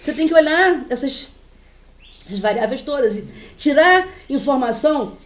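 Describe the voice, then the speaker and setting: A woman giving a university class lecture in an animated, storytelling way. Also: high voice, normal speed, roomy sound, slight background noise. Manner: animated, storytelling, laughing often.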